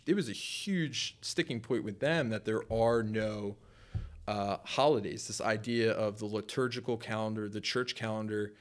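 A young man who preaches, talking casually on a podcast in a rambling way with lots of fillers. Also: fairly low pitch. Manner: rambling, conversational, with many fillers. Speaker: pastor and podcast co-host.

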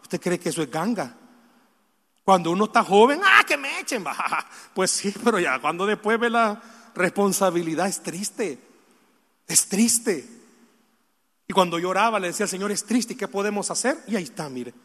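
Male pastor, high and bright, emotional sermon with direct questions to the flock, long hall reverb. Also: expressive, normal speed, long pauses. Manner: emotional, swinging from soft sorrowful confession to loud exhortation; addresses the congregation directly with questions. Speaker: preacher.

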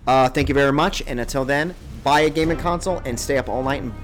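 A man's voice: medium pitch, fast, faint music behind. A man hosting a casual gaming podcast, chatting with friends and wrapping up the episode. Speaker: podcast host. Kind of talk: casual chat.

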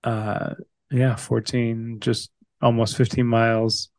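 A man's voice: mid-range voice, little pitch movement, slow, no echo. A man chatting and bantering casually as a podcast co-host.

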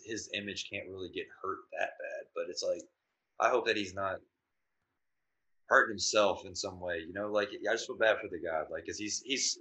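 A man's voice: on the low side, bright, forceful tone, rough recording. A man in casual conversation, rambling and thinking aloud with lots of fillers and restarts. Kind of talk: casual chat.

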